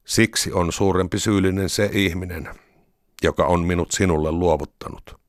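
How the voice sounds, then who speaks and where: Man reading as a gentle calm teacher, deep quiet voice, scripture reading. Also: no room sound, studio quality, lightly acted.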